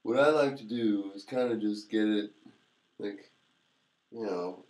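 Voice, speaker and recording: A man chatting casually to camera as a vlogger, in a halting, rambling, laid-back way, in a very echoey room. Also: fairly low pitch, darkish tone. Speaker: vlogger reviewing hair pomade.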